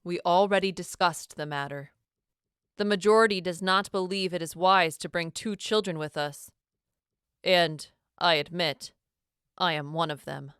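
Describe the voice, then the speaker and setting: A calm, formal male leader from a storybook, measured and apologetic in tone, as a woman reading aloud puts him on. The voice sits low and smooth, recorded close and dry. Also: dry recording.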